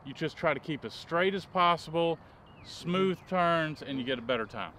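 A man's voice: on the high side, expressive, moderate pace, pushed and bright. A laid-back, joking man chatting casually outdoors in a grassy yard. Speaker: show regular. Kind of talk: casual chat. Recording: outdoor noise.

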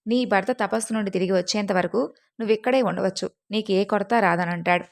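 A woman voicing a calm old sage. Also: mid-range voice, brisk, gravelly, close to an everyday voice. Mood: kind. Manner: gentle, advising. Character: wise calm male sage, older.

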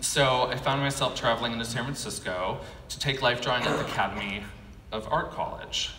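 With a mid-range voice and sharp tone, a thirtysomething American from California speaks as keynote speaker and animation artist. His prepared speech is autobiographical, told in short measured phrases with pauses, at a podium on an indoor conference stage. Audio comes via a podium gooseneck microphone and an echoey hall PA, with faint background noise.

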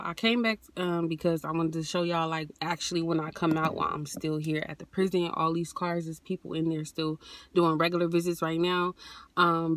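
A woman's voice: on the low side, fairly bright tone, no echo. A young woman vlogging casually from her car on a hot day, chatting to viewers with a phone camera at arm's length and calling them y'all. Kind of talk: casual vlog chat.

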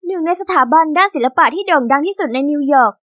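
A young woman narrating an animated story in a chatty, exasperated teen manner. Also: very high-pitched, quick pace, dry recording, clean studio sound.

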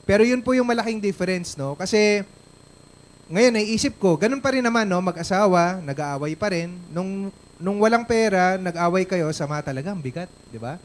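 A man's voice: high-pitched, lively intonation, moderate pace. A Filipino man, a guest speaker at a company event, telling a personal story on stage in a chatty way, ending lines with tag questions.

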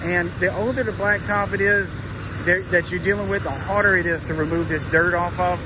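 A man with a fairly high voice explains a job in a relaxed, folksy way, with plenty of ums and uhs. He is outdoors in a parking lot, and a loud pressure washer runs behind him. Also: brisk, background noise. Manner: casual, folksy, with frequent fillers. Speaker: pressure washing business owner and trainer. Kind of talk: instructional talk to camera.

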